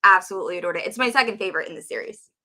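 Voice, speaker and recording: A book review show co-host chats casually about books, sounding informal, enthusiastic and conversational. Her mid-range voice is bright and forceful, and she talks at a rapid-fire pace.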